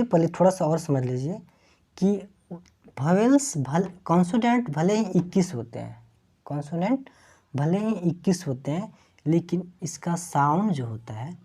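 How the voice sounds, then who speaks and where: A woman's voice: fairly low pitch, warm tone, husky. A woman teaching an English lesson, explaining letter sounds and asking her students questions, then repeating each answer.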